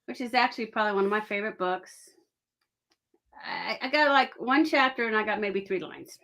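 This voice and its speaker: Casual podcast guest: middle-aged Texan woman, forceful bright tone, R's softened toward W's. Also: medium pitch, lively intonation, brisk. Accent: Texas. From Texas, United States. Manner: soft R's and W's that blur together, w-like r. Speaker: guest, author and audiobook voice actor. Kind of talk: casual chat.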